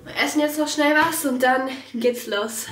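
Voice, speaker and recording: Young girl vlogging, really high voice, chatty n slangy, slight braces speech, echoey room. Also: normal speed, music in the background. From Germany. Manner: chatty, informal with English slang. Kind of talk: casual chat to viewers.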